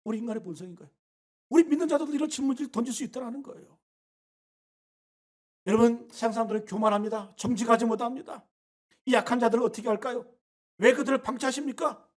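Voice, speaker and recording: A man preaching a Sunday sermon as pastor, swinging between loud urging and quiet asides. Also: very high voice, quick pace, pauses often. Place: church sanctuary.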